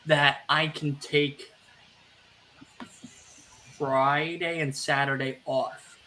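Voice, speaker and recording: Guy rambling on a podcast, bright kinda raised voice, lots of ums and restarts, bit of hiss behind. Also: fairly high pitch, flat delivery, very slow. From Italian family background. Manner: rambling, self-deprecating, many fillers and restarts. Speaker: podcast co-host. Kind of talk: casual chat. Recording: streamed podcast with faint background noise.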